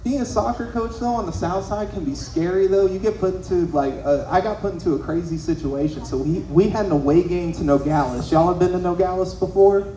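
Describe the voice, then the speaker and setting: A man's voice: sits high, a little fast, few pauses, mellow, a little hiss or hum. A young man doing a loose, profane stand-up comedy set on a club stage. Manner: loose, profane, conversational storytelling. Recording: echoey club room, faint ambience.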